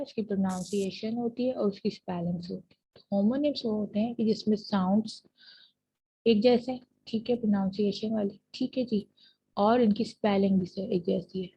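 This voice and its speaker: A woman university lecturer with a Pakistani accent, explaining terms patiently and reading English definitions slowly, in a muffled lo-fi recording. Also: on the high side, mellow, husky. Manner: patient, repeats checks like "theek hai ji" after each point. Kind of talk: classroom lecture mixing Urdu and English.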